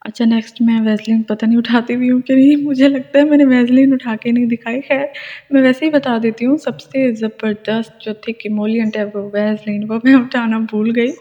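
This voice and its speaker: A chatty woman talks through skincare products, upbeat and quick to laugh at herself. Her voice sits high but sounds mellow. The recording is dull and lo-fi, with a long reverb around her. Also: fairly even intonation. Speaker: beauty vlogger reviewing moisturizers. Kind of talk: casual product review.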